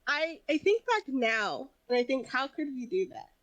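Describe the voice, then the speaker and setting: A woman's voice: sits high, sing-song, normal speed, fairly bright tone, no echo, low-quality recording. A woman co-hosting a podcast, telling anecdotes in casual chat and laughing often. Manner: laughs often, chatty storytelling. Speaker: podcast co-host.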